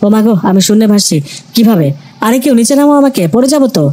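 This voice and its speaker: A woman's voice: mid-range voice, animated, very fast, dark tone, natural voice. A woman voicing a panicky young man who poses as a healer, wailing and pleading. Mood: panicked pleading.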